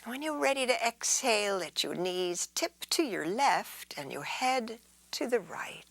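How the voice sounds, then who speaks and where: With a voice on the high side and big pitch swings, a woman leads a yoga session of relaxation and gentle stretches, calm and unhurried, drifting into breathy near-whispers. There is no room sound.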